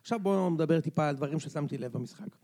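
A man co-hosting a casual sports podcast, excitable and quick to jump in. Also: a little high. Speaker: podcast co-host.

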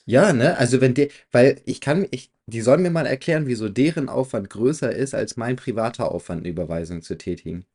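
A man's voice: medium pitch, animated, a little fast, few pauses, a little mellow, husky. A man co-hosting a podcast in casual chat, with dry, ironic remarks and hesitant fillers.

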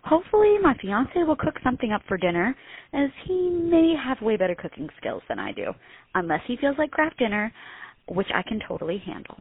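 A young woman speaks over a tinny phone line as she leaves a voicemail message. Her voice is a little husky, and she talks in a peppy way. The line sounds dry and close. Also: a little high, big pitch swings, fairly quick, no echo. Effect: heard over a phone line, leaving a voicemail. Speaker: caller, municipal clerk.

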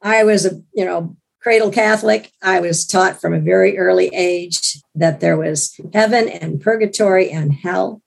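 A hoarse woman with a gravelly voice, recovering from illness, telling a personal story in an interview in a chatty way with many restarts and wry asides. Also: fairly low pitch, moderate pace, few pauses. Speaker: interview guest.

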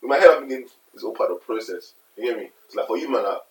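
A man's voice: mid-range voice, expressive, very fast, distant mic. A young man with a multicultural London accent, chatting casually in slang with his friends. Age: young adult. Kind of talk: casual group banter. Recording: echoey room, off-mic, noisy.

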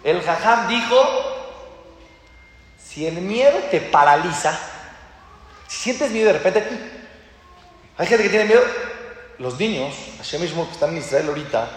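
A man giving a religious talk to an audience. He teaches in an animated way, acting out little dialogues and asking rhetorical questions. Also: high-pitched. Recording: very echoey hall with long reverb.

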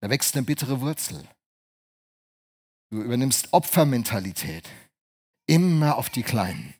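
Husky, animated male preacher. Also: mid-range voice, measured pace. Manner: animated, swings between hushed and loud voices. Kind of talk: lively sermon with acted voices.

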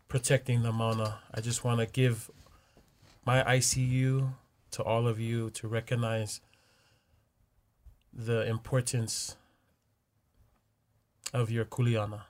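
A man co-hosting a casual talk show, relaxed and slangy, laughing easily. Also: mid-range voice, slow pace, long pauses. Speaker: radio show co-host. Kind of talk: casual radio chat.

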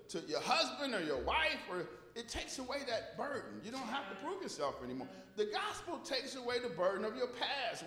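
A man's voice: high voice, bright, forceful tone. An American man preaching informally to a congregation, repeating phrases for emphasis and calling for responses. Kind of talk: informal, conversational sermon with call and response. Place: large echoey room, preaching to a congregation. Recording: echoey hall with long reverb.

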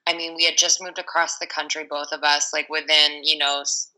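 A woman's voice: sits low, level tone, a little fast, sharp tone, poor audio. A woman of thirty, a podcast guest, talking in a rambling, casual way with many fillers. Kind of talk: casual interview chat.

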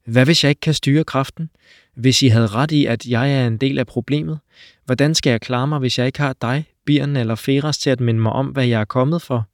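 A man's voice: mid-range voice, fairly even intonation, dry recording, studio quality, natural voice. A man voicing a remorseful, frightened young male hero in a storybook, speaking in an anxious, pleading way.

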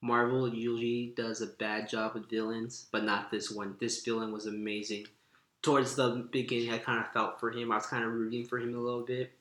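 Enthusiastic man, bright voice, echoey room. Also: medium pitch, little pitch movement, fairly quick. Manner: enthusiastic, leads the rundown. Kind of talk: casual movie chat.

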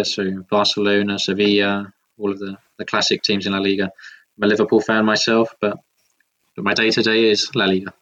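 A man's voice: fairly low pitch, fairly bright tone. A man talking casually as a football journalist guest on a podcast, over lo-fi call audio.

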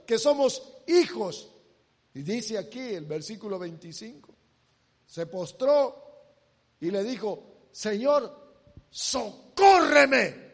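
A man's voice: very high voice, darkish tone, long reverb tail. A male preacher delivering a sermon, emphatic and repetitive, urging his listeners again and again to look. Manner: emphatic, repeats "look, look" to the congregation.

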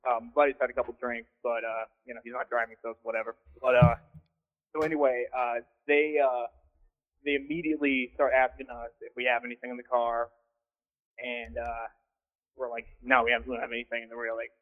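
A man's voice: mid-range voice, flat delivery, brisk. Caller on a phone line: young guy from Kansas, rambling, loose, filler-heavy story. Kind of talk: casual storytelling.

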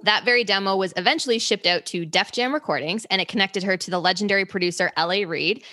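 A woman's voice: mid-range voice, fast talker, bright, forceful tone, dry recording, studio quality. A woman hosting a casual music podcast over cocktails, bubbly and enthusiastic. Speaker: podcast host. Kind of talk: casual chat over drinks.

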